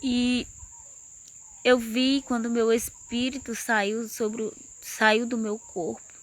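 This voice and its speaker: A woman's voice: fairly high pitch, flat delivery, slow pace, no room sound. A woman earnestly telling a personal religious testimony. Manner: earnest storytelling, rising intensity. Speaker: testimony speaker.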